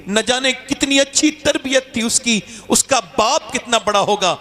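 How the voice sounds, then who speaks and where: A man preaching a religious sermon to a crowd, telling stories with passion and rising to shouts as he urges listeners to respond. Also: extremely high pitch. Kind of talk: Urdu religious sermon with storytelling.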